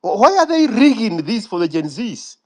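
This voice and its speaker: A very animated man with a Kenyan accent and a fairly high voice. He debates casually, pressing questions with sarcasm and repeating phrases for emphasis, his pitch swinging widely. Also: normal speed.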